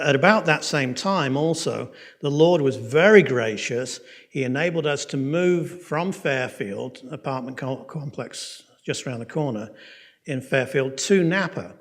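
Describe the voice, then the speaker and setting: A man with an English accent teaching a Bible course. He tells a personal story in a conversational way, checks in with his listeners and speeds up and slows down as he goes. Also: fairly high pitch, fairly bright tone. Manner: frequent fillers and restarts, pace swinging quick and slow. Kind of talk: lecture with personal testimony.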